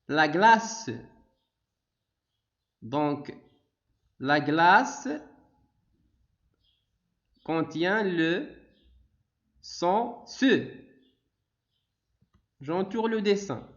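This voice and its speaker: A male teacher with a Moroccan accent speaks in a high, bouncing voice, stretching every word very slowly. He guides young children through a phonics lesson and keeps praising them. The sound is dull and lo-fi. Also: lively intonation, a bit bright. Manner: drawn-out, sing-song delivery with frequent praise. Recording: dull, lo-fi recording.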